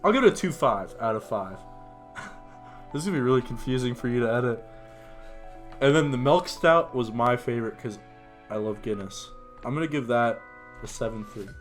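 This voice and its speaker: A man's voice: medium pitch, lively intonation, normal speed, pauses often, faint music behind. A tipsy man co-hosting a casual beer review, joking and rambling as he gives scores. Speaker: co-host rating beers. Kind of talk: casual drunken banter.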